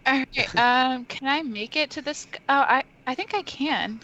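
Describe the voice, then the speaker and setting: A woman's voice: high voice, normal speed, sharp tone, dull audio. A woman playing a tabletop role-playing game over a voice call, chatting casually as she announces her moves. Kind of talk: casual chat during a game. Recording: faint background noise.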